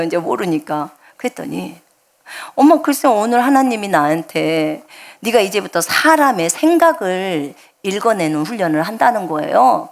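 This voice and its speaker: A middle-aged woman preaching a sermon as a missionary, telling stories and acting out quoted dialogue. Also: high-pitched. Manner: animated storytelling, acts out quoted dialogue. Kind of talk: sermon with storytelling.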